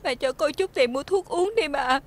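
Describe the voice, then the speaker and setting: Woman as a wronged young maid, Southern Vietnamese, high-pitched, tearful pleading. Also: moderate pace, close to an everyday voice. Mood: pleading, pained. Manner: tearful pleading, breaks into sobs. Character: young maidservant, scalded face, wronged and desperate. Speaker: maidservant. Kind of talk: TV folk-tale drama acting.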